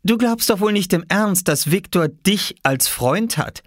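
A man's voice: sits high, expressive, unhurried, no room sound, clean studio sound, voice pushed up. A man voicing a mocking, spiteful older sister who taunts her little brother in a sneering tone, in a storybook reading. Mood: taunting.

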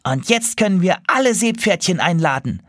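A man's voice: high-pitched, animated, normal speed, fairly bright tone, no echo, clean studio sound, pitched above the performer's own voice. A cheerful young seahorse brother from a children's storybook, performed by a man. His voice is lifted well above the reader's own, sounding eager and boyish. A touch of huskiness stays in the tone. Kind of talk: storybook character voice.

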